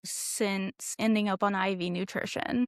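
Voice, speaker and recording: Giovane donna sui vent'anni, chiacchierona e ride spesso, registrazione asciutta e vicina. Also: female voice, mid-range voice, fairly even intonation, unhurried, no echo, studio quality. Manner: chatty, laughs often, lots of "like" fillers. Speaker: guest, adaptive surfer. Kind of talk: casual interview.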